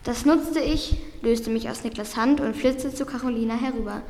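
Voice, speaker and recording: A woman's voice: fairly high pitch, moderate pace, a little mellow. A woman carefully reading a diary-style story aloud, with small slips. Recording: roomy recording with long reverb and faint background noise.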